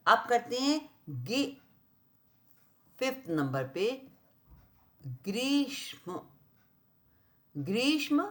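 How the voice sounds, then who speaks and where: With a fairly high, sing-song voice, a woman teaches children grammar at the board. She writes slowly, spells out and repeats every word, and often checks in with "clear?" or "right?"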